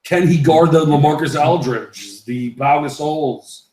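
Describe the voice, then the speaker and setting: A man's voice: on the high side, measured pace, mellow. A man in a casual basketball debate, questioning and arguing points like a fan on a panel. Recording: roomy echoing room sound.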